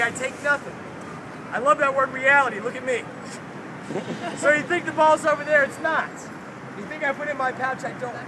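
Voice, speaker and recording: High-pitched playful kids party magician, young man. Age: young adult. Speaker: street magician. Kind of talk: showman's street-magic patter to a crowd. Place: city sidewalk, outdoors. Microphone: handheld camera a few feet away. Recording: busy outdoor street with crowd and traffic.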